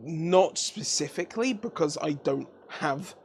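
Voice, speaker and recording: Quippy British man with a higher voice. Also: expressive, unhurried, slight background noise. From United Kingdom. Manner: playful, quips and meme references. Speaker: co-host of a tech talk show. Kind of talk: casual banter.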